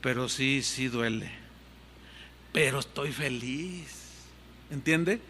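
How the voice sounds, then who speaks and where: A man's voice: medium pitch, takes it slowly, sharp tone, slight background noise. An older man preaching a sermon as pastor in a church hall, earnest and conversational. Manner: conversational and earnest, shifting pace freely. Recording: reverberant hall sound.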